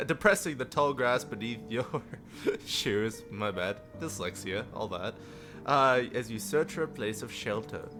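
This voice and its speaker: A man with a medium-pitched, fairly bright voice livestreams a reading of a visual novel. He throws in jokes and stumbles over the text at times, with background music playing.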